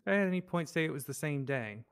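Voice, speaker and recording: A woman whose voice is run through a changer that drops it to a deep pitch. She answers questions in character, cool and evasive, with a slightly taunting edge. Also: lively intonation, quick pace, smooth. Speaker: suspect being questioned in roleplay. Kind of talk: in-character roleplay dialogue.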